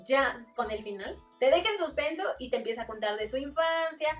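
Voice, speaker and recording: A woman's voice: high voice, expressive, a little fast, far from the mic, soft background music. A woman with a Mexican accent, chatting casually in a book review vlog and acting out little quoted exchanges. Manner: chatty, acts out quotes with voices.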